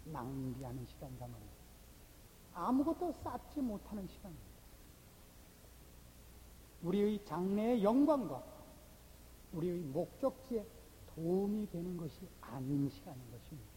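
A pastor preaching with a wide, swooping pitch and a mellow, dark tone. The sermon scolds the congregation through rhetorical questions and wry teasing. It is recorded in a large church hall with a long reverb and faint hiss. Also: sing-song, normal speed, pauses often.

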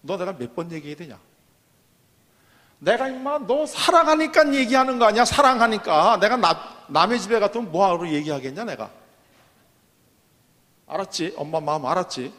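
An exasperated mother nags and scolds her bean plant for growing crooked, as a man acts her out in his sermon. The voice sits high, and the long reverb of a large hall trails after every word. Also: very animated, normal speed, a bit bright. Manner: nagging, scolding.

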